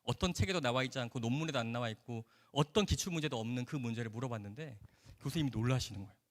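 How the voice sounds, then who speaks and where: A man's voice: medium pitch, very fast. A man, a doctor, telling a personal testimony in a storytelling way and acting out the dialogue. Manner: storyteller who acts out quoted dialogue. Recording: long hall reverb.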